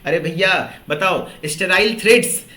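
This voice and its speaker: A man's voice: high voice, normal speed, pushed and bright, echoey room. A tired man teaching an online pharmacy exam-prep lecture in a conversational way, who repeats each answer back to his class as a question. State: tired after a full day of work.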